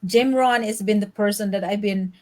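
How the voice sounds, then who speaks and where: A woman's voice: medium pitch, normal speed, a little mellow. Cheerful woman from the Philippines. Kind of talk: casual group video chat.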